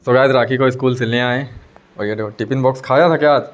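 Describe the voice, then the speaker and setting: A man's voice: medium pitch, steady tone, fast talker, dull audio, slight background noise. A young man talking casually to his phone camera at home, teasing and chatty, often calling out to his viewers. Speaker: family vlogger. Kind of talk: casual vlog chat to the camera. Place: indoors at home.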